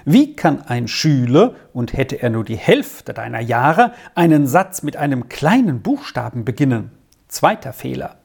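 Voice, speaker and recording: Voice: medium pitch, big pitch swings, unhurried, vocal fry, a little mellow, husky, full character voice. A reader voicing a pedantic male school headmaster who lectures a pupil indignantly in a letter, in an audiobook. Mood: stern scolding.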